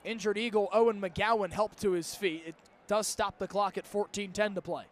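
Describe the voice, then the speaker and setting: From outdoors at a college football stadium, a man in his twenties calls live radio play-by-play in clipped, urgent phrases. His voice is high-pitched, his intonation fairly even, his pace moderate. Stadium ambience and faint background noise surround him.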